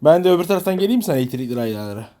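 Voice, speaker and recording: A man's voice: on the high side, very animated, racing, background noise. A man talking casually as a father playing a video game with his child, cooperative and often checking with questions. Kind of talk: casual gameplay chat.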